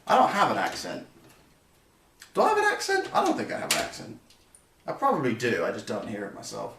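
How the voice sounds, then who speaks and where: A young man with a mid-range voice chats casually with his stream viewers while building a computer, rambling and correcting himself along the way. His pitch swings wildly, his pace is brisk, and there's vocal fry. The recording sounds roomy and slightly distant, with faint noise.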